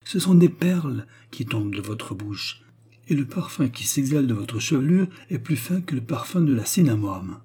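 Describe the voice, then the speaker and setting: A man's voice: medium pitch, very animated, moderate pace, mellow, breathy edge. A man voicing fawning courtiers who heap extravagant praise on their lord. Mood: gushing. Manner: gushing, lofty praise. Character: fawning male courtiers and flatterers.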